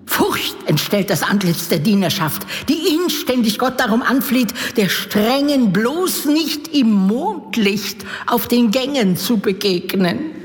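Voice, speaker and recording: An actress playing a devoted, superstitious castle nurse, imploring and solemn in archaic speech, in a gothic audio drama. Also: female voice, a little high, lively intonation, takes it slowly, few pauses. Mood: dread. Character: fearful, pleading old-fashioned castle nurse, devoted and superstitious. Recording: long reverberant hall.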